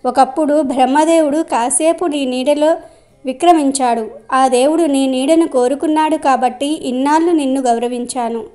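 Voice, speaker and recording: A woman voicing an angry male wind god who threatens sternly, in a high voice. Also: fairly even intonation, normal speed, mellow, natural voice.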